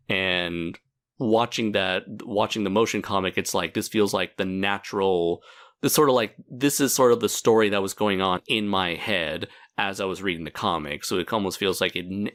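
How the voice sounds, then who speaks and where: A man hosting a casual interview podcast who keeps affirming with quick "mm-hmm"s. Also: low voice, fairly bright tone. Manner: frequent affirming fillers. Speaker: podcast host.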